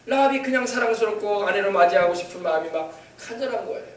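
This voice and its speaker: A man's voice: sits high, animated, quick pace, echoey room, recorded from a distance. A man preaching a sermon as pastor, often calling out hallelujah and acting out quoted dialogue. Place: church sanctuary.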